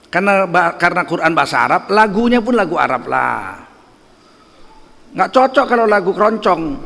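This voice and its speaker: A man's voice: fairly high pitch, creaky, fairly bright tone, long reverb tail. A middle-aged man preaching a religious lecture in a mosque, emphatic and full of rhetorical questions to the audience. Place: mosque hall.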